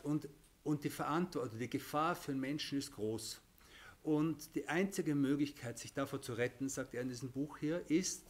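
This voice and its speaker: A man teaching a religious lesson, explaining with everyday examples, often restarting and checking in with "okay?". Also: medium pitch.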